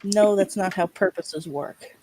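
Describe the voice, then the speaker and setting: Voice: mid-range voice, a little slow, darkish tone, close to an everyday voice. A player voicing a grieving, angry, stubborn adventurer in improvised tabletop role-play, demanding and confrontational. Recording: clearly noisy recording with clicks.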